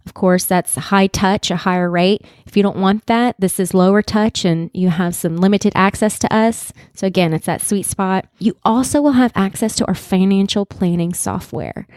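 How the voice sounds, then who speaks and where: Smooth-voiced upbeat woman podcast host. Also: medium pitch, moderate pace, hardly any pauses, darkish tone, no room sound, clean studio sound. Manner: upbeat and chatty, rattles off a legal disclaimer. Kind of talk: casual podcast chat.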